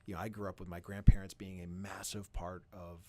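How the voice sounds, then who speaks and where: A man with a fairly low voice talks as a podcast guest in a relaxed chat. He makes his points emphatically and bluntly. He grew up in New England. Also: a little fast, background noise. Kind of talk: casual chat.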